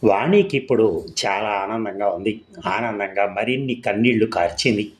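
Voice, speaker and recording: A man narrating a short story in a measured, expressive storytelling manner. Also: lowish voice.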